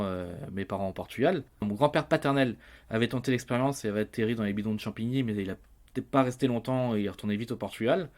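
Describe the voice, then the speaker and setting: Low-voiced hesitant man in his thirties. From France. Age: 30s. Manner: hesitant, many filler sounds and restarts. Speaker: guest. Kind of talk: casual personal storytelling.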